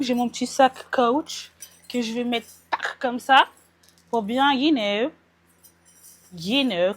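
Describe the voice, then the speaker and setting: Her voice a little high and husky, a young French vlogger chats into a small mic about what she's wearing. She drops English words into her French and laughs at herself, first at home getting ready and then out in the street and on the metro.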